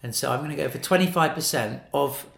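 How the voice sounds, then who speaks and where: A male podcast host talks casually in a croaky, froggy voice, worn from too much talking. He is jokey and teasing, and speaks without a script at an ordinary male pitch. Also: fast, fairly bright tone, reverberant. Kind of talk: casual unscripted podcast chat.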